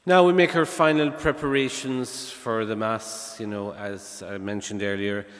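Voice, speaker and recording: A man, a priest, leading funeral Mass prayers at the altar in a calm, measured way with conversational asides. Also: lowish voice. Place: large church, at the altar. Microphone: far camera, church PA. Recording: long church reverb.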